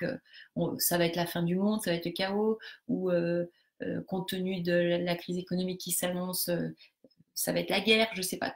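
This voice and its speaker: A woman with a lowish voice and a gravelly, creaky edge coaches a group live. She walks the listeners through each step of a method, speaking straight to them. Her delivery is hesitant, full of fillers and restarts. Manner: hesitant, many fillers and restarts while explaining; instructive, talks directly to participants.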